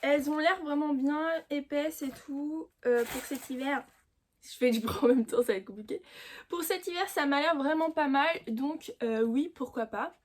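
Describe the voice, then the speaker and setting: A woman's voice: high-pitched, normal speed. A woman hosting her book channel, chatting casually through an unboxing with frequent hesitant fillers. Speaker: booktube host.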